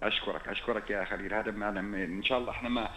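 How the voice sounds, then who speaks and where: A man from Jordan, calling in to a TV show over a poor-quality, unclear line. He talks politely and warmly, trading greetings and often restarting his sentences. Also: fairly low pitch, fairly even intonation, rapid-fire. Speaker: phone-in caller. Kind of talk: call-in chat on a TV show. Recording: echoey phone line with faint hum.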